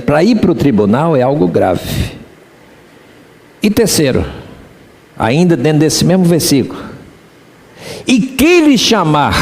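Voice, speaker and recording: Lively Carioca pastor preaching. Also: male voice, fairly high pitch, in a large hall. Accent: Rio de Janeiro Portuguese. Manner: conversational preaching with rhetorical questions to the congregation. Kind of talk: sermon. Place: church.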